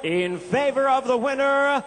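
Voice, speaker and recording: Male ring announcer, very high voice, formal lucha libre-style delivery, bilingual English-Spanish, faint background noise. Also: measured pace, a bit bright. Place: live boxing event venue.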